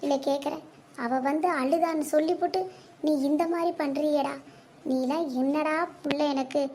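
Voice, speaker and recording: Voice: steady tone, moderate pace, dark tone, slight background noise. A performer voicing a quarrelsome elderly mother in a cartoon, nagging and hurling insults at her son. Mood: aggrieved. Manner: shrill nagging scolding, insults. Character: quarrelsome elderly mother, sharp-tongued and scolding. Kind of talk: cartoon comedy voice acting.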